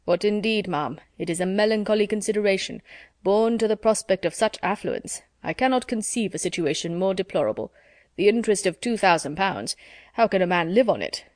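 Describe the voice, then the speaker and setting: A woman reading as a pompous gentleman. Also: mid-range voice, lively intonation, dry recording, clean studio sound, close to an everyday voice. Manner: measured, formal storybook reading. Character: pompous, self-satisfied gentleman, middle-aged.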